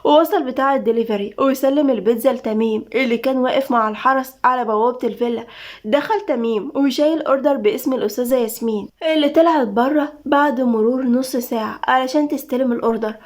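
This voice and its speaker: Brisk, high-voiced Egyptian storyteller woman. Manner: brisk, dramatic reading. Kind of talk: audio story narration.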